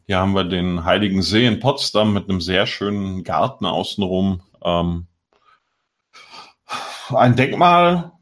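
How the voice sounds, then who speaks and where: A middle-aged man with a lowish voice vents his irritation in a loose, chatty talk show. He rants with exasperation, pushing his points hard. The talk is unscripted and conversational. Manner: ranting, exasperated. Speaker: podcast co-host. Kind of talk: casual chat.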